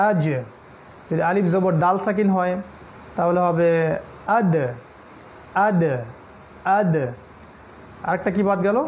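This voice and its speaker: A Bangladeshi man teaching Quran recitation in a recorded class, spelling out each syllable slowly and repeating it patiently. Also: high-pitched, darkish tone, slight background noise. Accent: Bangladeshi Bengali.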